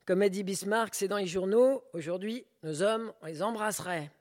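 A man's voice: high voice, normal speed, a little mellow, no room sound, studio quality, voice pushed up, natural voice. Man playing a chattering smug supplier. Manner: pompous, chatty. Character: second smug male army supplier, chattering.

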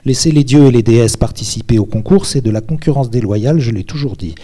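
Boastful chatty spider, read by a man, mellow dark tone, storybook reading. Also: medium pitch, fast talker, lightly acted. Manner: talkative, boastful. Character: proud, chatty female spider Arachne, scornful of gods.

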